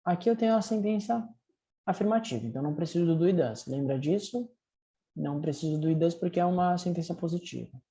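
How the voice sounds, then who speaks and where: Mellow Brazilian teacher explaining grammar. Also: mid-range voice, muffled recording. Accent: Brazilian Portuguese. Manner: patient, explains step by step and checks in often; reads English drill sentences slowly and clearly. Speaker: English teacher. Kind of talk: recorded language lesson.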